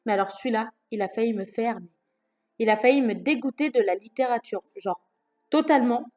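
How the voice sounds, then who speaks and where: A young adult woman, a book vlogger, chats casually to the camera about her books from a room at home. Her voice is fairly high and slightly darkish, her pace a touch quick, and she uses lots of fillers and corrects herself often.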